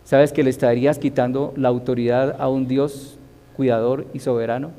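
A man's voice: medium pitch, little pitch movement, normal speed, warm tone, long reverb tail. A man teaching a Bible study as a sermon, asking his listeners rhetorical questions. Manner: asks the audience rhetorical questions.

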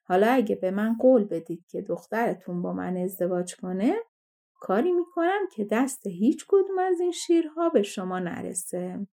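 A woman voicing a boastful, scornful yellow dwarf man in a fairy-tale audiobook. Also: mid-range voice, animated. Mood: mocking. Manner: mocking, self-satisfied.

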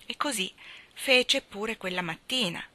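A woman reading a classic novel aloud with expressive, measured narration. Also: mid-range voice. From Italy. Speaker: reader.

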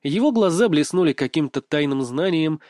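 A male narrator reading a first-person story in a steady, expressive manner. His voice sits a little high for a man. The recording is dry and close, with no room echo. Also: normal speed. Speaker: audiobook narrator.

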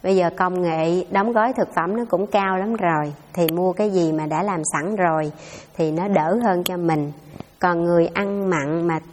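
A woman's voice: on the low side, normal speed, darkish tone, long reverb tail, a little hiss or hum. A Buddhist nun giving a dharma talk, answering questions in a conversational storytelling way and speaking straight to her listeners. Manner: conversational storytelling, addresses audience directly.

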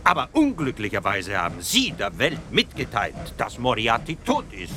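A man acting in a German radio drama as Doctor Freud's type of figure, an urbane, self-assured Viennese psychoanalyst who lectures with condescending, deliberate phrasing. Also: fairly low pitch, wildly swooping pitch, pushed and bright, a little hiss or hum, heavily acted. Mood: lecturing, condescending.

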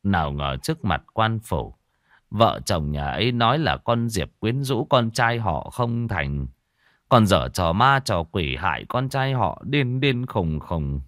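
A man's voice: sits low, fairly bright tone, no echo, clean studio sound, exaggerated voice. A man voicing an anxious, weary old village scholar who talks in a gloomy, sighing way, in a told ghost story.

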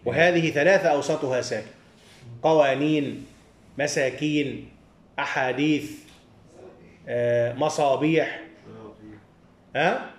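A man's voice: a little high, a little slow, long pauses, echoey room. Egyptian male teacher quizzing his class. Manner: quizzes students, leaves sentences open for them to finish. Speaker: hadith studies teacher. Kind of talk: classroom lecture with call-and-response.

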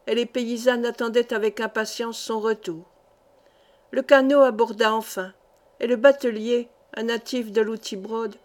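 Woman, audiobook reader, literary narration, measured, fairly high pitch.

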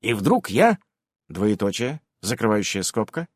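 Expressive male audiobook narrator. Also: fairly low pitch, a little slow, dry recording, studio quality. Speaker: audiobook reader. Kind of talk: first-person audiobook narration.

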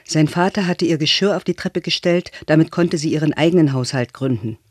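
A man calmly reading a novel aloud as narrator, in a measured way. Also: a little high, slightly rough, dry recording, studio quality. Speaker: audiobook reader.

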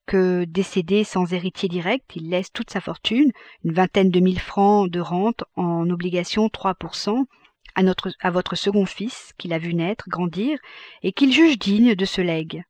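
A woman reading the part of a calm, businesslike male notary in a grave, measured tone for an audiobook. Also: sits high, dry recording.

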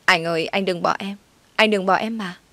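A woman's voice: medium pitch, steady tone, moderate pace, fairly bright tone, dry recording, close to an everyday voice. A woman voicing a desperate young mistress who pleads and wails to keep her lover. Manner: pleading, wailing.

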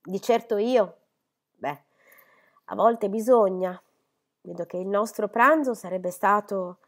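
A woman doing a high, gushing flustered spinster. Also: lively intonation, takes it slowly. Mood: chattering. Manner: gushing, high, breathless apologies. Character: flustered chatty middle-aged spinster woman.

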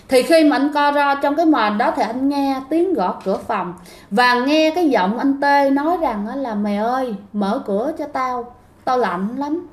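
A woman tells a ghost story in a chatty, direct way. Her voice sits high. The recording has a roomy echo. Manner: chatty, addresses listeners directly. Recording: echoey room.

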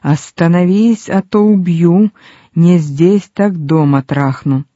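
A drunk, brutish middle-aged father snarls and slurs his threats, as a man reads him aloud. His voice sits in a dark, mellow register. The audiobook recording is dry and somewhat muffled. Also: medium pitch, measured pace, no room sound, natural voice. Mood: menacing. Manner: slurred, rough, threatening.

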